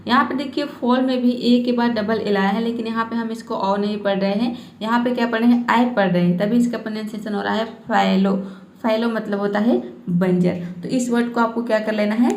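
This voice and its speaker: A woman teacher giving a patient pronunciation lesson, repeating each word slowly and checking in often. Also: a little high, fairly even intonation, reverberant, slight background noise. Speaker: English teacher. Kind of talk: Hindi-language pronunciation lesson.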